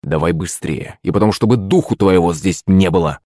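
A man voicing an irritable, gruff male head chef who barks and grumbles in an audiobook. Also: low voice, animated, a little slow, no room sound, clean studio sound. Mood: exasperated. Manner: gruff, exasperated, barking. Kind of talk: audiobook character voice.

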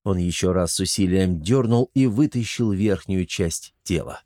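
A man narrating an audiobook in a steady, even storytelling voice. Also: low voice, normal speed, dry recording, clean studio sound. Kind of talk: scripted narration.

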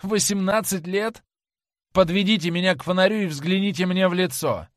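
A man voicing a young gentleman in an audiobook, tense and urgent in his speech. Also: mid-range voice, very animated, moderate pace, no room sound, studio quality. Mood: triumphant. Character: young gentleman, frightened then cold and haughty.

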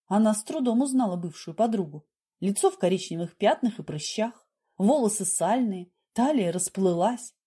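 A woman narrating an audiobook in an expressive reading style. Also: medium pitch, moderate pace, husky.

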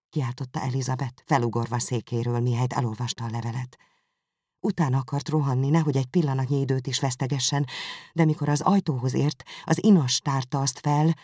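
A man reading a novel aloud as narrator, measured and even. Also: mid-range voice, slightly rough, no echo, clean studio sound. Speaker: audiobook reader. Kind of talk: scripted narration.

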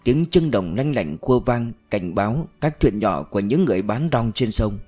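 A man narrating a mystery novel as an audiobook reader, in a calm, steady storytelling manner. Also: fairly low pitch, normal speed, soft background music.

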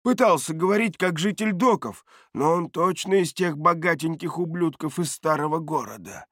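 Man doing a whiny shifty dealer, high-pitched. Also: expressive, moderate pace, fairly bright tone, no echo, clean studio sound. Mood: pleading. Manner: whiny, pleading, raised voice. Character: jittery, shifty male shop dealer.

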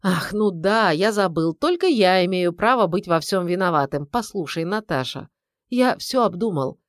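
A woman's voice: on the low side, lively intonation, moderate pace, no room sound, studio quality, natural voice. A woman voicing a sarcastic, irritable middle-aged husband who grumbles. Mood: weary firm.

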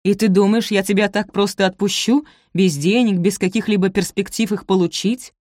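A woman reading the part of an arrogant, angry young nobleman, loud and domineering. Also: medium pitch, steady tone, normal speed, dry recording, clean studio sound, close to an everyday voice.

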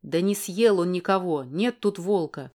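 A gruff, short-tempered grown man barks his lines, read by a woman narrator. The voice sits fairly low, clipped and snapping, in an audiobook. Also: a little slow, a little mellow. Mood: irritated.

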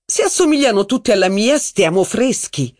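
A man reading an audiobook, voicing a haughty, witty duchess who gossips with mocking flair. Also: normal speed. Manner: mocking, gossipy, lively pitch. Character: haughty witty middle-aged aristocratic duchess.

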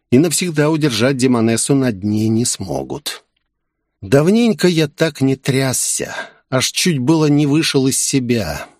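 A man reading a first-person story as an audiobook narrator, with an even, wry delivery. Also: mid-range voice, no echo, clean studio sound.

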